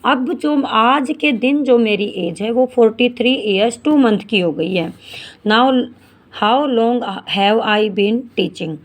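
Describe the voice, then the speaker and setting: A woman in her forties teaching a maths lesson, reading English word problems slowly and explaining each step in Hindi, calling her students beta. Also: on the high side. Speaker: math teacher.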